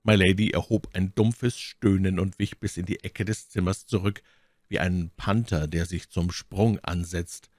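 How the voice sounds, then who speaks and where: A man narrating an audiobook of a classic novel in calm, steady storytelling. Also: low voice, measured pace, dry recording, clean studio sound. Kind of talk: scripted narration.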